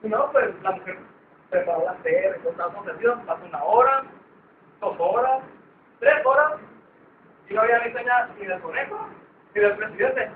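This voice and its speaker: A man casually retells a folk tale, chatty and informal, peppered with fillers. His voice sits unusually high for a man. The sound is tinny and phone-like, recorded from a distance in an echoey space. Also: fairly quick, long pauses, slight background noise. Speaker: storyteller.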